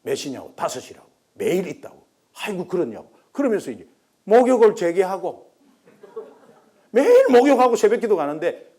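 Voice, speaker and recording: A man's voice: mid-range voice, dark tone. A middle-aged man from Korea preaching a sermon as pastor, telling a story and acting out the voices of the people in it.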